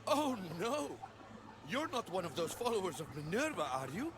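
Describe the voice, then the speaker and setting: An actor playing an eager male imperial botanist in a video game, with an effusive, bright manner. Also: high-pitched, big pitch swings, moderate pace, crowd noise. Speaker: game character. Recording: game audio under a stream, noisy.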